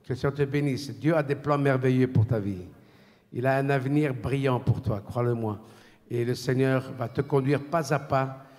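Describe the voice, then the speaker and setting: Man, church host, fervent, exclamatory, mid pitch, long echoing hall. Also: steady tone, normal speed, a little mellow. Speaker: church leader presenting a testimony. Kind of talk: church service hosting.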